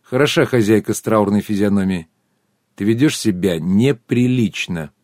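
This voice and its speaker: A man's voice: fairly low pitch, normal speed, darkish tone, dry recording, studio quality, natural voice. A man voicing a cold, stern husband in an audiobook. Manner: cold and curt.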